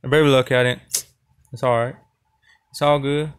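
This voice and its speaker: A man's voice: mid-range voice, fairly even intonation, normal speed, clear, resonant tone, no echo, clean studio sound. Trash-talking gamer guy, home mic. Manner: trash-talking, playful, talks to the viewers. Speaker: gaming channel host. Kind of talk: casual gameplay commentary.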